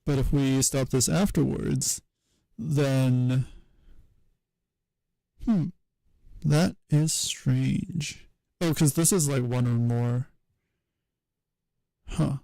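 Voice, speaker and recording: A man streaming as he works through a linguistics problem, thinking aloud in a hesitant, wry way with many pauses. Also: mid-range voice, fairly even intonation, vocal fry, dark tone, no echo. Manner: hesitant self-talk with many pauses and fillers.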